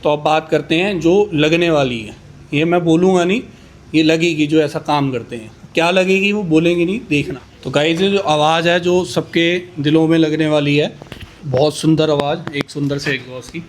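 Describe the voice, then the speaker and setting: A man pitching used superbikes in a casual, boastful way, rattling off price countdowns. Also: normal speed, a little hiss or hum.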